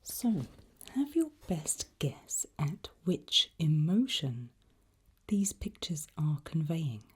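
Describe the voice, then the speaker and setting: A woman whispers slowly in a low, husky, breathy voice for an ASMR roleplay as an examiner, very animated yet gentle, reassuring and encouraging.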